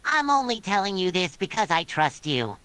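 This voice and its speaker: A woman's voice: fairly low pitch, normal speed, noisy background. A text-to-speech woman's voice reading the lines of a nervous, secretive young male cartoon sea sponge. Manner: jittery, secretive, flat machine reading. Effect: synthetic text-to-speech voice. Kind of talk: text-to-speech chatbot reply.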